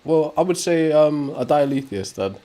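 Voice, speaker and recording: A young man streaming, chatting casually while he plays a game, sometimes breaking into sudden excited shouts. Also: a little high, normal speed. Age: young adult. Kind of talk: casual live chat while gaming.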